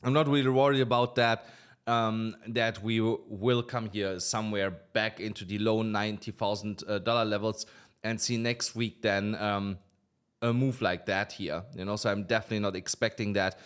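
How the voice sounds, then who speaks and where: A man's voice: on the low side, fairly even intonation, moderate pace, clear, resonant tone. Hesitant man talking crypto charts. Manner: hesitant, many fillers, slightly non-native phrasing. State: a little unwell, low on energy. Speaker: crypto market analyst host. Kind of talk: casual chart analysis talk.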